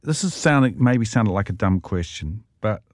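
A man's voice: on the low side, expressive, moderate pace, darkish tone, no room sound, studio quality. A man hosting a radio interview, asking chatty, rambling questions.

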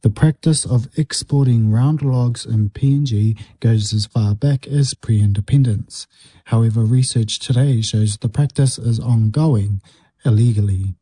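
A man reading a scripted news report with a steady, formal delivery. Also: mid-range voice, a little slow, slightly rough, no echo.

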